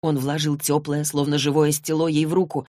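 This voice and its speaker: A woman narrating a novel in an even, measured reading. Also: low-pitched, no room sound, clean studio sound. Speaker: audiobook narrator. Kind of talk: scripted narration.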